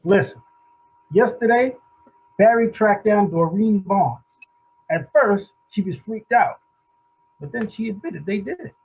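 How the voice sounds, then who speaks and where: A man's voice: high-pitched, lively intonation, measured pace, long pauses, slightly rough, phone-quality sound, full character voice. An actor playing Howard, a crude, blustering middle-aged man, in a stage play reading. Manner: brash, loud, crude.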